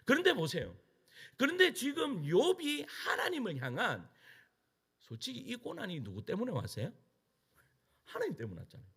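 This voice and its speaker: A man's voice: very high voice, vocal fry, sharp tone, breathy edge. A middle-aged man, a pastor preaching a sermon, pressing the congregation with rhetorical questions and answering them himself. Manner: emphatic preaching with rhetorical questions and call-and-response.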